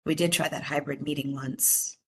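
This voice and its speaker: A woman's voice: sits low, fairly even intonation, moderate pace, a bit bright, husky. A woman chairing a commission meeting over a video call, speaking with many fillers and restarts. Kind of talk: virtual meeting discussion.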